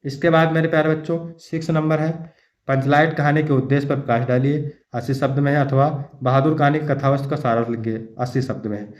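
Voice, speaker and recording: A male teacher works through an exam paper for his students in an exam-prep lecture. He reads each verse aloud, then explains it in plain words, and speaks to the class as his dear children. His voice sits at an ordinary middle pitch, and it rings in a roomy, echoey space. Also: fairly even intonation, brisk, dull audio.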